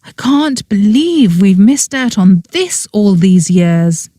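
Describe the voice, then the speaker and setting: A sensible, insistent young witch, played by a woman narrator in a cozy mystery audiobook. She speaks firmly and earnestly in a mellow voice, recorded dry. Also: mid-range voice, sing-song, slow, no echo. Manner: firm, earnest.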